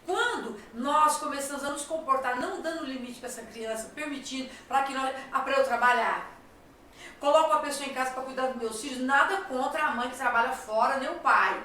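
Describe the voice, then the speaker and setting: A Brazilian woman hosts a talk show of conversational advice, speaking emphatically in Brazilian Portuguese, repeating phrases and asking rhetorical questions. Her high voice is a little fast, bright and forceful. The echoey room places her far off, with slight background noise.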